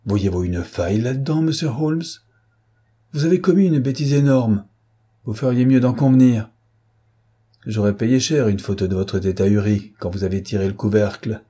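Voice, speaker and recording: A man's voice: lowish voice, moderate pace, mellow, husky. A man reading an audiobook who voices a blustering, indignant middle-aged man with a mocking, rising delivery. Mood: sneering.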